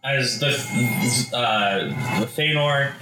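A man's voice: medium pitch, drawn-out words, roomy sound, over loud music, low-quality recording. A man recapping a tabletop game session in a rambling way, with many fillers and restarts. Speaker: player recapping the last session. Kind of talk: casual chat.

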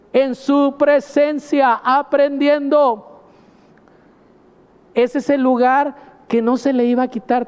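A man's voice: very high voice, long reverb tail. A man preaching a sermon, speaking emphatically and often addressing his listeners as brother. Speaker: pastor.

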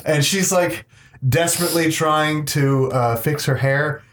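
A man narrating a tabletop game as game master, describing scenes in an unhurried, halting way. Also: fairly high pitch, fairly bright tone, a little hiss or hum. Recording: echoey room.

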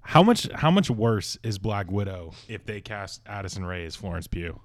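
A man's voice: lowish voice, big pitch swings, moderate pace, slight background noise. A man hosting a casual podcast, laid-back and joking dryly. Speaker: podcast host. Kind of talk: casual chat.

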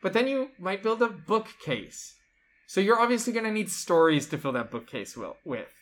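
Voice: mid-range voice, big pitch swings, moderate pace, a bit bright. A board game show co-host chatting casually and enthusiastically while explaining how a game's rules work. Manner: enthusiastic, chatty, lots of fillers like "like".

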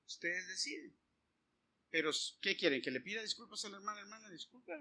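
Sitting high in pitch and running a little fast, a middle-aged man's voice carries a sermon. He tells a story from his own experience with animation and acts out what was said.

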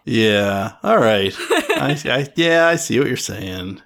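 Man, podcast co-host; wry jokester, very lively intonation. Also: mid-range voice, slow. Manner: wry, joking asides. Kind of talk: casual chat.

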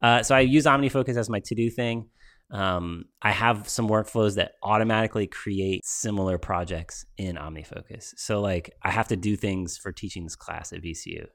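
A man's voice: on the low side, moderate pace, fairly bright tone. A man co-hosting a podcast, chatting casually with lots of ums and likes. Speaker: podcast co-host. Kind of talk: casual tech chat.

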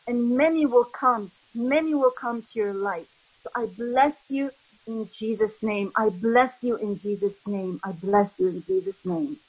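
A woman leading prayer, declaring blessings in a slow, solemn way. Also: a little high, slightly rough, highs cut off.

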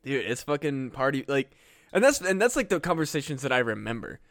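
A man's voice: mid-range voice, big pitch swings, brisk, fairly bright tone, no echo, studio quality. A man co-hosting a podcast, chatting casually in a rambling way, with lots of "like" and swearing. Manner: rambling, heavy use of "like" and swearing. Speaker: podcast co-host. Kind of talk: casual chat.

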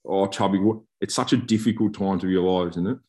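A man's voice: sits low, fast talker, dark tone. A man chatting casually on a podcast in a blokey, joking, slangy way. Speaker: podcast co-host, rugby player turned coach.

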